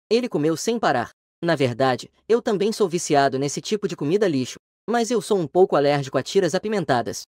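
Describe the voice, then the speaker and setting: A man's voice: on the high side, darkish tone, dry recording, clean studio sound. A man reading a romance comic story aloud in the first person, as scripted narration.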